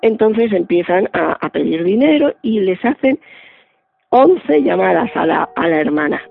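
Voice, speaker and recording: A man's voice: sits high, sing-song, a little slow, creaky, soft background music. A male radio guest, telling a story vividly and acting out the lines of the people in it. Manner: vivid, acts out quoted dialogue. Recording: band-limited dry phone-like line.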